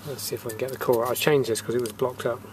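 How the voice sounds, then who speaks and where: With a crowd audible behind him, a man speaks very fast in a mid-range voice that barely moves in pitch. He's a refrigeration technician in a yard, casually narrating his hands-on work on a camera mic, thinking aloud with fillers in a matter-of-fact manner.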